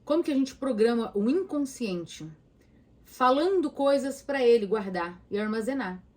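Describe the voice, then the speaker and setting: A woman therapist with a Brazilian Portuguese accent, talking casually and emphatically to viewers and asking them direct questions. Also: a little high. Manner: emphatic, speaks straight to the listener with rhetorical questions. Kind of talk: casual talk to viewers about anxiety.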